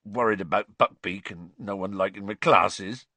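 Huge, tearful, rustic gamekeeper. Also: male voice, lowish voice, normal speed, bright, forceful tone, no echo. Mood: gloomy, shaken. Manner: rustic, ungrammatical speech. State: tearful, choked with sobs. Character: huge, distraught, soft-hearted male gamekeeper, sobbing giant of a man.

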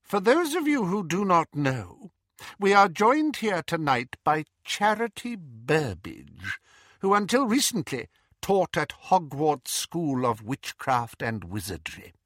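A man voicing a cold, cruel male dark wizard lord in an audiobook, speaking quietly with slow, drawn-out menace. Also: on the high side, sing-song, dry recording, clean studio sound, pitched above the performer's own voice, exaggerated voice. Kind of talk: audiobook character voice.

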